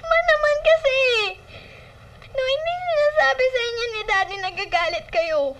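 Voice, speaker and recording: Tearful teen daughter, very high bright voice, film drama. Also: female voice, steady tone, a little slow, distant mic, slight background noise, heavily acted. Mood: pleading. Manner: pleading, tearful, whiny. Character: pleading teenage daughter caught between parents.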